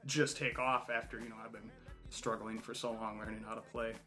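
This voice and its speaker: Guy talking about making beats, relaxed and rambly, bright tone, faint music. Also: on the low side, a little fast. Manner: relaxed storytelling with fillers, easy laughs. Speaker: guest rapper and producer. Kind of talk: casual interview answers.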